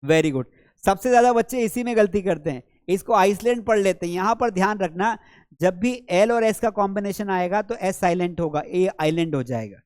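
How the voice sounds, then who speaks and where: A man's voice: sits high, moderate pace, darkish tone, no echo, clean studio sound. A man teaching English pronunciation in a video lesson, explaining patiently and calling viewers his children. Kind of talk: classroom-style video lesson.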